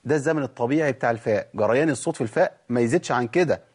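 A man with an Egyptian accent teaching Quran recitation, explaining patiently and demonstrating sounds slowly. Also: mid-range voice, a little mellow, breathy edge. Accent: Egyptian Arabic. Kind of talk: recitation lesson.

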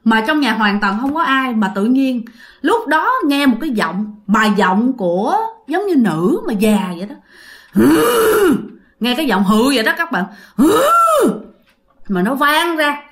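Brief: high-voiced Southern Vietnamese woman, lively chatty ghost-story teller who talks right to the listeners. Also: normal speed. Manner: chatty, repeats phrases, keeps addressing listeners. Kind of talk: casual ghost story narration.

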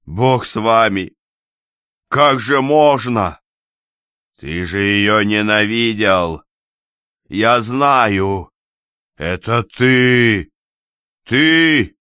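A man voicing an enraged older man who shouts accusations at his son-in-law. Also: on the low side, fairly even intonation, unhurried, no room sound, pitched above the performer's own voice. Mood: furious.

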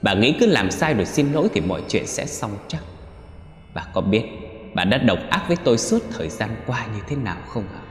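A man's voice: on the low side, very animated, a little fast, reverberant, big-room sound, soft background music. Man voicing a vengeful girl ghost. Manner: bitter, accusing, then sobbing.

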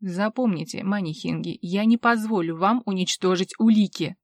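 A woman's voice: medium pitch, moderate pace, dry recording, natural voice. A woman voicing a brash, bullying male inspector who barks accusations in an audiobook. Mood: barking. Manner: barking, accusing.

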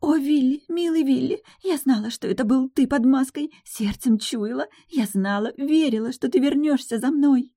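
An audiobook reader voicing a clingy, lovesick young townswoman who pleads in a breathless, shrill voice. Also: normal speed, few pauses, warm tone. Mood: pleading. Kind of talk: audiobook character voice.

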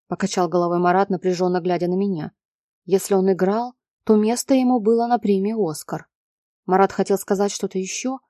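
Woman reading a story out loud, warm dark voice, dry close sound, steady. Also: mid-range voice, no echo. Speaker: audiobook narrator. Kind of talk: first-person scripted narration.

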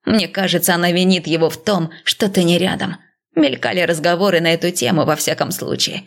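A woman voicing a gentle, cautious male god who speaks in a soft, hesitant, reassuring way. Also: lowish voice, brisk, vocal fry.

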